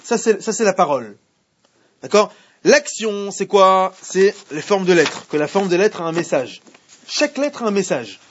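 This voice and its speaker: A man whose husky voice sits high and sounds a bit bright speaks in a sing-song way at a moderate pace. He's teaching students Torah in French with Hebrew readings, asking questions and repeating himself as he goes, in a muffled lo-fi classroom recording.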